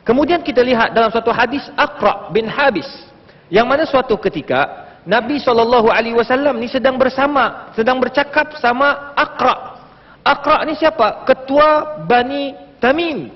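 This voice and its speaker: A man's voice: very high voice, moderate pace. A man in his late thirties speaking as a panelist on a religious forum, telling stories with animation and addressing the audience. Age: late 30s. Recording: dull, echoey hall broadcast sound.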